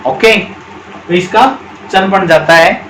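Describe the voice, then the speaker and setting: A man with an Indian accent teaching English pronunciation in Hindi, explaining step by step and repeating words slowly. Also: sits high, a bit bright. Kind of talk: classroom-style video lesson. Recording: echoey room with faint background noise.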